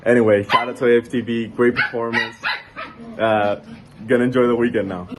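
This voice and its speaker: A man's voice: medium pitch, little pitch movement, a little fast. A man from Brazil giving a casual self-recorded reaction as a football fan. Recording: background noise, ambient sound.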